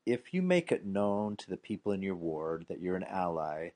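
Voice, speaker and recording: A male podcast host asking measured, reflective questions in an interview conversation. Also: sits low, very animated, darkish tone.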